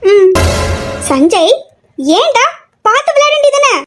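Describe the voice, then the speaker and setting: A woman's voice: high-pitched, a little fast, music in the background, close to an everyday voice. A woman voicing a bossy but caring young woman in a fan audio drama, scolding and fussing. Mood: alarmed.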